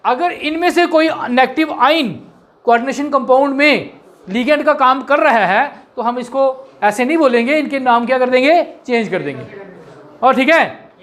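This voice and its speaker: A male chemistry teacher, lecturing a classroom and drilling students with quick questions and spelled-out terms. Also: extremely high pitch, a bit bright.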